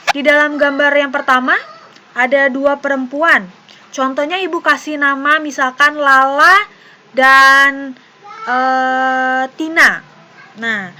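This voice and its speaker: A woman's voice: sits high, bright, forceful tone. A young woman teacher with an Indonesian accent, patiently explaining a lesson to young children and acting out short example dialogues.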